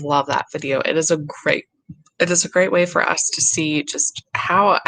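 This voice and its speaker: Low-voiced woman teaching an online class. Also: a bit bright. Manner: friendly, self-deprecating, asks questions. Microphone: video call.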